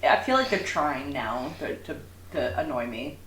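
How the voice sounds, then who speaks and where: A woman's voice: a bass voice, animated, a little slow, fairly bright tone. A woman co-hosting a podcast in casual, gushing chat, her voice sounding tinny, like talking through a tin can. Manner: gushing, chatty, laughs easily. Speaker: podcast co-host. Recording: tinny, echoey home recording with faint hiss.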